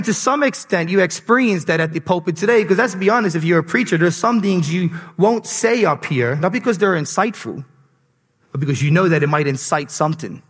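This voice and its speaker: Bermudian man preaching in a reverberant hall. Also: a little high. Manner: rhetorical check-in questions to the congregation. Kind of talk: sermon with scripture reading. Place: large reverberant room, preaching to a congregation.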